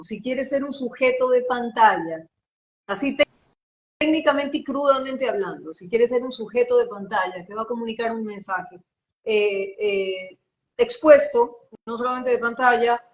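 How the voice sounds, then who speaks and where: A woman from Ecuador with a Guayaquil accent, a voice and diction coach explaining in an animated, teacherly way during a live interview. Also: fairly high pitch. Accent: Guayaquil Spanish. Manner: animated, expressive, teacherly, asks rhetorical questions.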